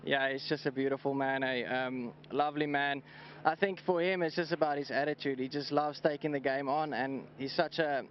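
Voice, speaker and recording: In slightly dull outdoor broadcast audio with a little background noise, a South African cricketer whose first language is Afrikaans talks haltingly at pitch side after the game. He often says words twice.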